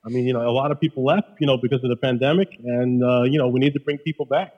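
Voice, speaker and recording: A man's voice: medium pitch, steady tone, racing, darkish tone, highs cut off. A man with a Queens, New York accent talking casually and emphatically as a guest, often repeating himself. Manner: emphatic, repeats himself, peppers talk with "you know". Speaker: podcast guest, restaurateur. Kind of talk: casual conversation.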